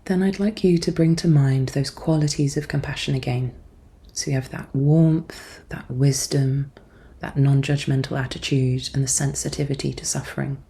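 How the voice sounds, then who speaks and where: Soft instructions come one by one from a woman guiding a meditation, soothing and gentle as a therapist. Her tone is dark and warm, her voice deep and relaxed, her pacing calm and measured.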